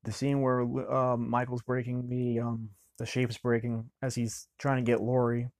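A man giving casual film commentary, rambling and halting, often restarting mid-sentence. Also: mid-range voice, monotone, darkish tone, no room sound, studio quality.

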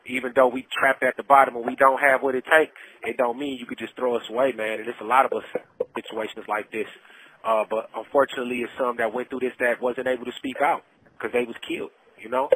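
On a muffled, band-limited prison call with a little hiss or hum, an incarcerated man speaks fast in a mid-range, level voice with a sharp tone. In casual vernacular, he gives sincere, faith-filled personal testimony, repeating things for emphasis.

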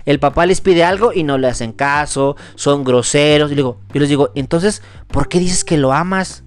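A man's voice: a little high, moderate pace, smooth, faint music behind. A man giving an earnest, preachy motivational reflection as a podcast host. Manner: earnest, preachy, acts out quoted voices. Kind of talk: motivational monologue.

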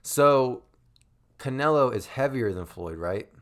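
A man's voice: mid-range voice, animated, takes it slowly, fairly bright tone. A man in casual chat, laid-back, giving short replies and laughing along.

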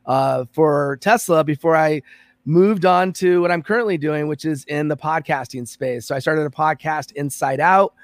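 Born in American Samoa and raised in Los Angeles, this man appears as a podcast guest in a conversational interview, recounting his career earnestly and reflectively. His voice is on the high side, his pace moderate, and there's no echo.

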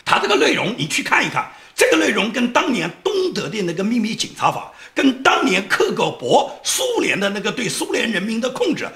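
A man's voice: high-pitched, sing-song, brisk, few pauses, sharp tone, echoey room. A man giving a political commentary monologue, sarcastic and scornful, often laughing mid-sentence.

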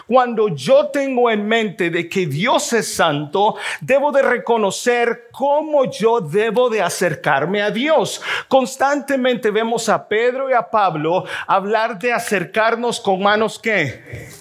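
A man's voice: high-pitched, expressive, slow. A male pastor preaching a sermon, speaking directly to his congregation and reading scripture aloud.

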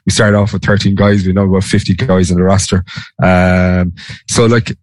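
A man's voice: sits low, little pitch movement, moderate pace, a little mellow, no echo. A man with a west of Ireland accent giving informal, hesitant, rambling explanations as an interview guest. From Galway, west of Ireland. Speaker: interview guest, sports organisation director. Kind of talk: conversational interview.

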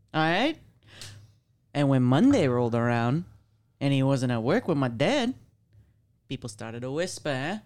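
A woman voicing a folksy small-town storyteller with an exaggerated Missouri twang and emphatic little question tags. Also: sits low.

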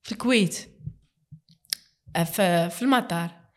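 A woman's voice: lowish voice, normal speed, darkish tone. A woman with a Moroccan accent, a guest in a casual interview, speaking earnestly and mixing in French words.

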